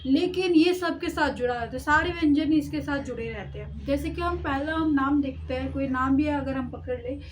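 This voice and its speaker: A woman's voice: sits high, moderate pace, few pauses, slight background noise, poor audio. A woman teaching Hindi vowel signs, explaining step by step and sounding out letters, sometimes stopping to correct herself. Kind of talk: explaining a lesson on writing.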